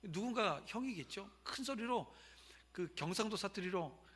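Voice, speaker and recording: A man's voice: high-pitched, lively intonation, moderate pace, very noisy. A man in his fifties, a pastor delivering a Sunday sermon to his congregation, telling a story in a conversational way and turning to speak to the listeners. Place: church sanctuary.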